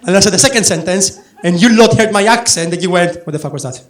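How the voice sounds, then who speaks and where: A man's voice: high-pitched, fast. Greek man doing brash stand-up. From Greece. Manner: brash, sweary, conversational with the crowd. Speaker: stand-up comedian. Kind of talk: stand-up comedy set. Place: comedy club stage. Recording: roomy club with audience laughter.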